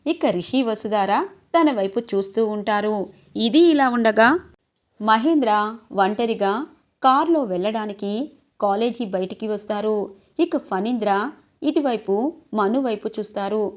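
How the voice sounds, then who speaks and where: A woman's voice: medium pitch, a little slow, pauses often. Woman narrating a serial recap, lo-fi. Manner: steady storytelling, reading every character's lines in her own voice. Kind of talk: reading a TV serial recap aloud. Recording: dull lo-fi recording.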